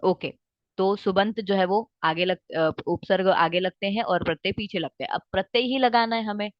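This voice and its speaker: A woman's voice: medium pitch, normal speed, no echo, lo-fi sound. Woman teacher drilling Sanskrit grammar. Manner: checks often with "ठीक है" and "आ गई बात समझ में?"; mixes English words into Hindi. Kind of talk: exam-focused lecture.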